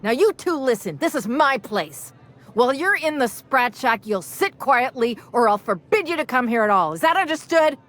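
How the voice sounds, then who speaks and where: A woman's voice: on the low side, animated, moderate pace, close to an everyday voice. An actress playing a stern, no-nonsense female bar owner in a game, firm and dry. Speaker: game character.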